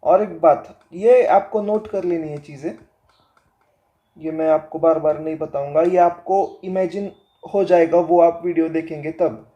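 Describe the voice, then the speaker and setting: A male teacher with a sore throat giving a lesson in a slow, deliberate way, reading the textbook aloud and then explaining it while mixing Hindi and English. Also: fairly high pitch, dark tone, dull audio. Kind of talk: classroom lecture.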